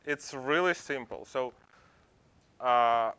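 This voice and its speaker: A man presenting a live tech demo, talking haltingly with frequent restarts. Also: mid-range voice, sharp tone, clear, resonant tone. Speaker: presenter at a user group demo.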